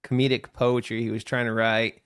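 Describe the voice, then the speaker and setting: A man co-hosting a podcast, chatting casually as he reacts to a video, with frequent laughter and quick asides. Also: medium pitch, little pitch movement, fairly bright tone, clean tone, dry recording, clean studio sound. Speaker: podcast co-host.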